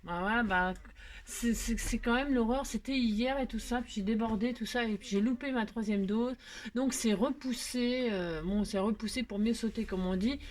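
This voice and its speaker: A woman's voice: on the high side, normal speed. A woman with a French accent hosting a casual crafting tutorial, chatty and self-mocking, with many fillers and little laughs. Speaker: crafting video host.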